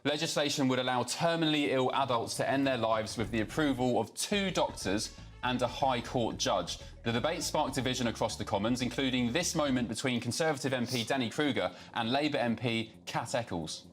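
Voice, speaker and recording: A man hosting a live-stream, reading out viewer comments and news in a relaxed way with many fillers. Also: medium pitch, a little fast, soft background music.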